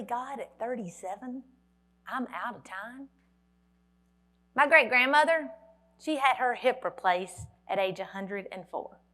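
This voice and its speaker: A woman's voice: high-pitched, fairly bright tone. A woman, giving a motivational keynote at a conference and telling a dramatic story with wry humor. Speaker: motivational speaker. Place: conference hall.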